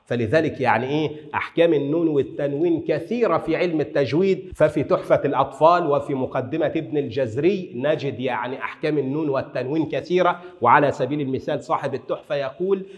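A man giving a lecture on grammar, explaining patiently and reciting verse slowly, with colloquial asides. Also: a little high, lo-fi sound. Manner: explanatory, recites poetry slowly, mixes formal Arabic with Egyptian colloquial asides. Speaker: Arabic language lecturer. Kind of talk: classroom-style lecture on grammar. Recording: echoey hall with long reverb.

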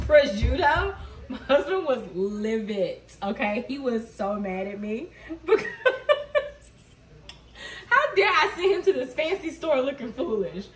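A woman in her thirties, a mom vlogger, chats with her viewers while cooking dinner in her home kitchen, telling a story and laughing often. Her voice is high with big pitch swings, a slow pace and long pauses. The camera mic sits across the kitchen, so the sound is distant and echoey.

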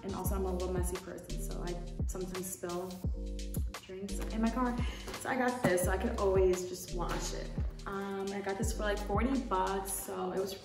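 This young woman, a lifestyle YouTuber, chats informally to camera and rambles a little while showing off a product haul. Her voice is medium-pitched with fairly even intonation and normal speed. She's in an indoor room; the mic is distant, the room echoes, and music plays behind.

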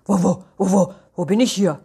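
Woman plays curious little male storybook terrier, eager, barks between words, breathy voice. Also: mid-range voice, moderate pace, dark tone.

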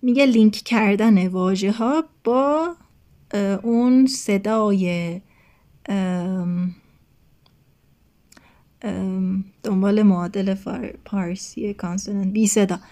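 A woman from Iran teaching an English lesson online. She explains patiently with many fillers, slips English phrases into her talk, and clears her throat as her voice starts to go hoarse. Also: medium pitch, dark tone.

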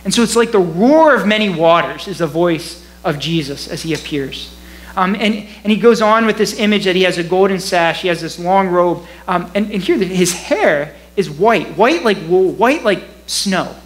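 Pastor guy preaching, high-ish voice, chatty and animated, bit of a hum behind. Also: normal speed, poor audio. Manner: conversational, animated, laughs often. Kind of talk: sermon. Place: church.

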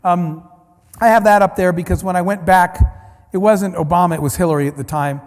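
High-voiced man giving a keynote. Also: a little fast. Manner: conversational, anecdotal, with restarts and "right?" asides. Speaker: keynote speaker. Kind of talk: conference keynote storytelling. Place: large conference hall. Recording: long hall reverb.

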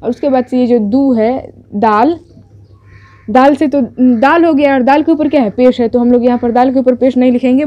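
A woman's voice: on the high side, mellow, lo-fi sound. A woman teaching a beginners' Urdu writing lesson step by step, patiently explaining each stroke and correcting herself as she goes.

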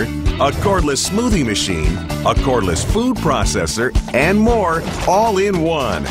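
Male infomercial announcer, fairly high voice, very lively intonation, emphatic hard-sell scripted pitch. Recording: music bed under the voice. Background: music.

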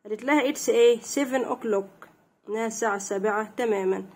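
A young woman with an Egyptian Arabic accent teaching an English lesson, reading each line slowly and then explaining it, and asking questions that she answers herself. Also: a little high, darkish tone. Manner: reads English lines slowly and clearly, then translates.

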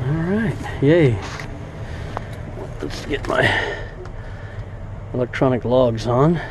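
A man working as a truck driver, narrating a casual vlog and muttering quietly to himself as he works in his truck cab. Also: mid-range voice, lively intonation, slow pace. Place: truck terminal lot at night, then inside a truck cab. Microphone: handheld phone camera. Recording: phone recording with engine and yard noise.

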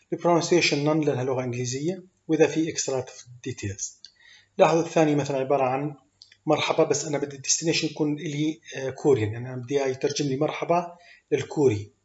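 A man teaching programming, explaining step by step with many fillers and English code terms. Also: medium pitch. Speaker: programming instructor. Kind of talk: screen-recorded coding tutorial. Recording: echoey room, dull lo-fi sound.

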